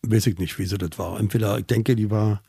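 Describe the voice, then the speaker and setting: A middle-aged man recounts his own story in an interview, blunt, colloquial and emotionally charged. His voice is deeply gravelly, dark and husky. The recording is close and dry. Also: steady tone, brisk, no echo. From Berlin, Germany. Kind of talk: personal testimony in an interview.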